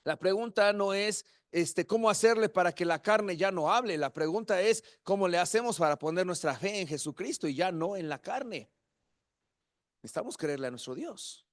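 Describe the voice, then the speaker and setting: A man preaching in with a very high voice, his delivery rising from quiet, searching questions to full shouts of praise. The sound is close and dry, with no room around it. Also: expressive, normal speed, no echo. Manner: impassioned, swinging from hushed to shouted. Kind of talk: sermon.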